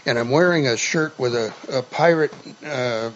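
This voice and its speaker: A man's voice: medium pitch, moderate pace. A man in his seventies hosting a casual live stream chat, rambling and hesitant with lots of fillers and laughing often. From United States. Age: 70s. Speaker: host. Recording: dull lo-fi live stream audio with faint noise.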